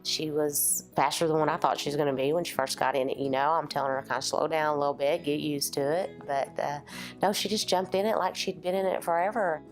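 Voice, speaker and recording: A woman's voice: sits low, fairly even intonation, quick pace, faint music behind. A woman in a recorded interview, recounting events in a plain conversational way.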